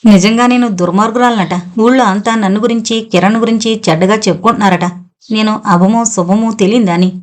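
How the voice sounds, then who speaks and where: A woman's voice: mid-range voice, a little fast, lightly acted. A woman voicing a proud, defiant young village woman who speaks indignantly. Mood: earnest. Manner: indignant, fiery.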